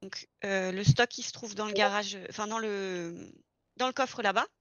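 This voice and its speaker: In a casual online roleplay, a veteran garage employee trains a new recruit step by step, voiced by a woman at mid-range pitch and normal speed. The sound lacks room tone and its highs are cut off.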